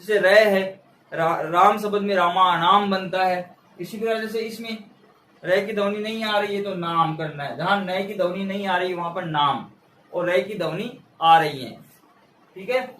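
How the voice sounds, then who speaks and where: A man's voice: sits high, unhurried, fairly bright tone, a little hiss or hum. Male tutor, exam-prep lesson at a board, repeats key words, echoey room. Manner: asks questions and answers them himself, repeats key words; patient, step-by-step explaining. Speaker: teacher. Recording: echoey room, mic far off.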